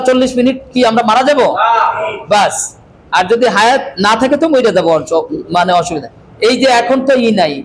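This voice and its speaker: A man teaches a classroom lesson, calling out questions and repeating answers to keep his students on track. He is recorded in a classroom with clear noise in the background. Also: very high voice, rough recording. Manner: loud, drilling questions at the class, often calling out. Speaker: Quran teacher.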